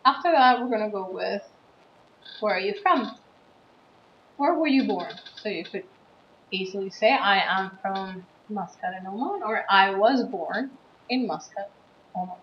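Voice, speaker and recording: A woman in her thirties, a teacher from the USA, giving a writing lesson and explaining slowly and patiently, stressing key words. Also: mid-range voice. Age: 30s. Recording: dull, roomy recording with faint background noise.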